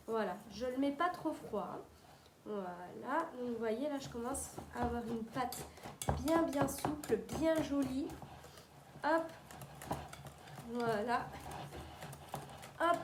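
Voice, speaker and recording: Upbeat high-voiced woman hosting a cooking stream. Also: noisy background. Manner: chatty, upbeat, reads viewer comments aloud. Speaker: cooking host. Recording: echoey kitchen with clattering utensils.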